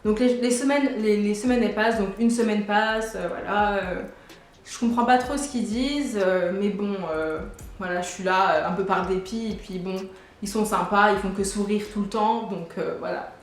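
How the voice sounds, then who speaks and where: A woman's voice: mid-range voice, normal speed. A woman in her twenties telling a personal story casually, full of fillers and restarts. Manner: chatty, many fillers and restarts. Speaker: vlogger. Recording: very echoey room with faint noise.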